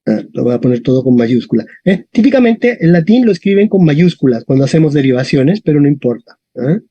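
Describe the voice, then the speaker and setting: A man teaching a classroom lesson, talking in a lively way and often adding tag questions. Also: a little high, a little fast, husky, dry recording. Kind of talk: classroom lesson on Latin stress. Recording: dull, dry lo-fi sound.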